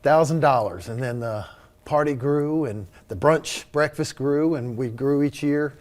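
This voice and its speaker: A man's voice: a little high, measured pace. A man speaking as a charity leader and interview guest, informal and earnest. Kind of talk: casual spoken interview.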